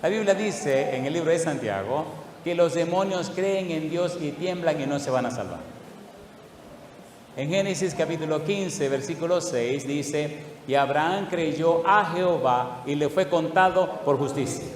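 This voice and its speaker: Preaching man in an echoey church hall. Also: a little high. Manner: asks the congregation repeated questions; slow, drawn-out emphasis on scripture. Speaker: pastor. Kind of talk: sermon. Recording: echoey hall, faint room noise.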